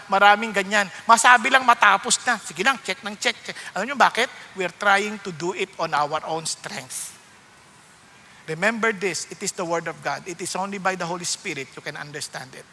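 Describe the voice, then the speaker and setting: Male pastor, high and very bright, big hall reverb; animated storyteller who drops into English scripture. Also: vocal fry, a little hiss or hum. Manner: animated storytelling, acting out voices of people in anecdotes; mixes English Bible quotes into Filipino preaching. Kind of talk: sermon.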